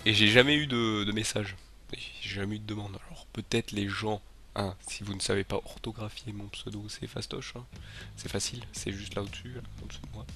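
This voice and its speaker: Pitched fairly low and fairly even, this man's voice comes out fairly quick, pushed and bright, with slight background noise. He's a congested channel host casually announcing something to viewers, rambling with frequent fillers and false starts.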